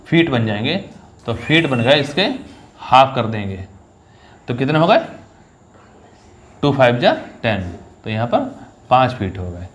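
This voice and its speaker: A man teaching an English poetry lesson for exams, explaining step by step and reading verse lines slowly, one syllable at a time. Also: mid-range voice. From India. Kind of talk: exam-focused poetry lesson.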